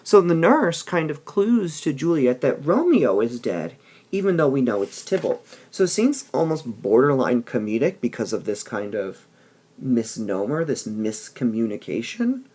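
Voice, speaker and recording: A man's voice: medium pitch, big pitch swings, normal speed, darkish tone. A man teaching a literature lesson, explaining patiently and often checking in with "all right?" between passages he reads aloud.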